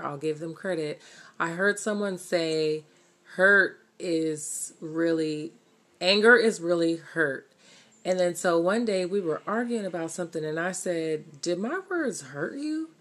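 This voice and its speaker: Female co-host, lowish voice, animated and emphatic, casual. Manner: animated, quick to laugh, emphatic. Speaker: married co-host. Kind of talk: casual chat.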